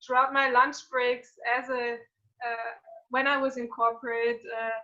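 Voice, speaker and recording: A woman speaks as an interview guest in a bright, forceful voice set a bit high. She hesitates often, filling gaps with fillers and restarting her sentences. The recording sounds slightly dull and lo-fi. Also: flat delivery, measured pace. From Croatia. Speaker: guest entrepreneur. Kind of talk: casual interview conversation.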